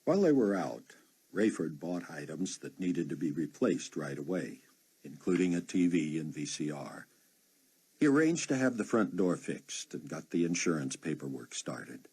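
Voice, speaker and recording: A man narrating an audiobook in an expressive, measured way. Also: extremely low pitch, husky.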